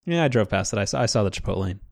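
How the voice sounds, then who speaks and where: A man's voice: lowish voice, expressive, very fast, gravelly. A man co-hosting a podcast, rambling casually with restarts and dry sarcasm. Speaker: podcast co-host.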